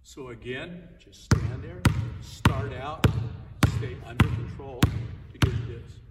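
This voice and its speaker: Through a distant camera mic, the recording is very noisy and echoey, with a basketball bouncing in a big indoor gym. An older man with a mid-range voice speaks slowly while demonstrating drills, coaching in plain, repetitive terms and often raising his voice as he dribbles.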